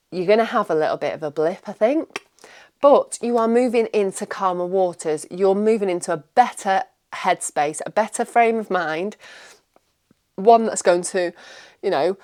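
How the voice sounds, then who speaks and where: A woman's voice: mid-range voice, darkish tone. Rambling, reassuring woman tarot reader. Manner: rambling, repeats words, reassuring. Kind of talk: casual tarot reading monologue.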